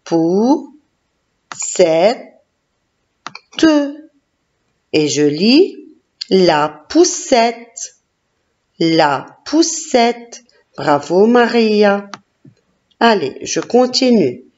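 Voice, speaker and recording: A woman teacher leading a classroom phonics lesson, slowly sounding out syllables and praising each child. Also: mid-range voice, very animated, darkish tone. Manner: slow, encouraging, sounding out syllables. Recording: dull lo-fi recording.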